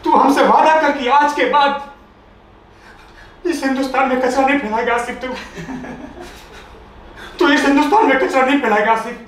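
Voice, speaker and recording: A man's voice: extremely high pitch, steady tone, moderate pace, long pauses, a bit bright, pitched above the performer's own voice. A man voicing a drunk friend who pleads and lectures with tearful promises, recorded far off in an echoey room. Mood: pleading. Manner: pleading, repeating his friend's name.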